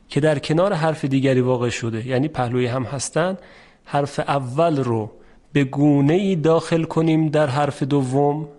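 A man teaching a lesson on recitation rules, patiently explaining step by step and repeating each example slowly. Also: mid-range voice, darkish tone. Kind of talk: formal spoken lesson.

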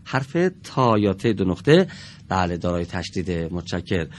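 A man teaching a televised reading lesson to children in a studio, patiently and slowly sounding out each word for his pupils. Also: low-pitched, lively intonation, a little hiss or hum.

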